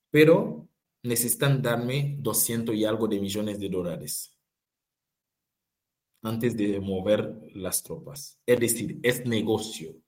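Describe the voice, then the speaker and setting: A man from Haiti speaks as a political activist, emphatic and repeating phrases for rhetorical weight. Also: on the low side. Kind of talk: impassioned political talk.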